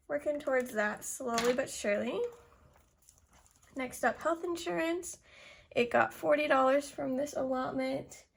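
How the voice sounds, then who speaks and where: A woman's voice: high voice, creaky. A young woman, slightly out of breath, narrating a task casually and counting amounts aloud step by step. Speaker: budgeting video host.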